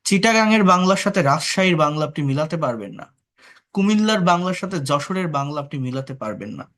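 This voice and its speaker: A man's voice: sits high, lively intonation, fast talker, a bit bright. A man from Bangladesh teaching an online English class, explaining patiently, asking the class rhetorical questions and mixing English words into his talk. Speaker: English tutor.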